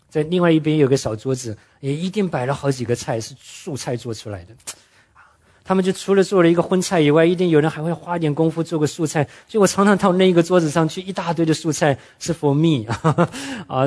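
A man preaching a sermon, telling stories earnestly and slowing down to stress his main points. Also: fairly high pitch, darkish tone. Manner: earnest storytelling preacher, drops English words into speech; slows down and drops his voice to stress key points. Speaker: pastor.

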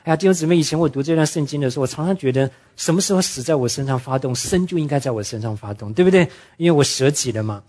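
Pastor guy preaching, voice a bit on the high side, earnest storytelling, slows way down on the big points. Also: a little mellow. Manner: earnest storytelling preacher, drops English words into speech; slows down and drops his voice to stress key points. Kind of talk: sermon.

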